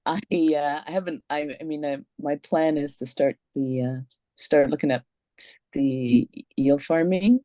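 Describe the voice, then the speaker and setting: Woman on an online call, mellow voice, halting, a bit unsure. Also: low-pitched, dry recording. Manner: hesitant, halting. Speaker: community member on call. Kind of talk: casual group call chat.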